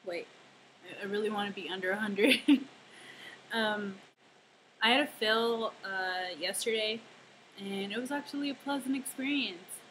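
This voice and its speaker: A woman's voice: mid-range voice, unhurried, pauses often, a bit bright. Chatty woman rambling on about her week at home, lots of ums, noisy camera audio. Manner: chatty, rambling, self-deprecating with fillers. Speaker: vlogger. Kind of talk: casual weight-loss video diary.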